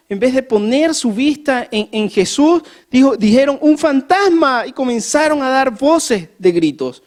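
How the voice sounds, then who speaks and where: A preacher giving a sermon in a church, animated, asking the congregation questions and building emphasis as they tell a story. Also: mid-range voice. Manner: acts out scenes with rising emphasis. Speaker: pastor.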